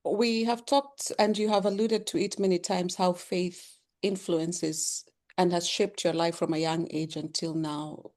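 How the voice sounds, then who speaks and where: A middle-aged woman hosting a webinar, asking measured, polite questions. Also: on the low side, fairly even intonation, darkish tone. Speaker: webinar host and interviewer. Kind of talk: webinar interview. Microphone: video call.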